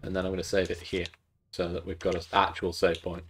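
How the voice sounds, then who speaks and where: Low-pitched, fast, and monotone, his slightly bright voice comes with a bit of background hiss or hum. The thirty-something man is congested and losing his voice while he streams a game at home, keeping up a rambling, jokey, casual chat.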